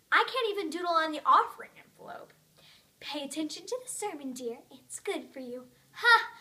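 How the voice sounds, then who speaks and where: A woman performing a memorized humorous monologue as a bored churchgoer, expressive, with sudden loud comic outbursts. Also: sits high, distant mic. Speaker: speech competition performer.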